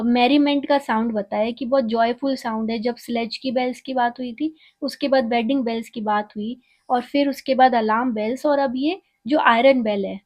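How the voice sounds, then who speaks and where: Woman teacher slowly explaining a poem. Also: on the high side, a little mellow. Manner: reads English verse very slowly, explains in casual Hindi with English terms. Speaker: literature teacher.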